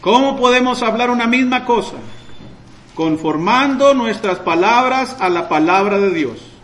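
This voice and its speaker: A man preaching a sermon, asking his listeners rhetorical questions and answering them himself, with loud emphatic bursts and quieter explaining stretches. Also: very high voice, expressive, measured pace, echoey room, rough recording.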